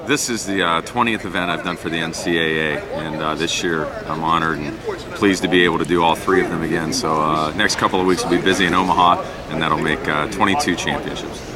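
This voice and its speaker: A man's voice: low-pitched, steady tone, a little fast, over a noisy crowd. A middle-aged man answering interview questions in an earnest, conversational way as a sports announcer and former coach.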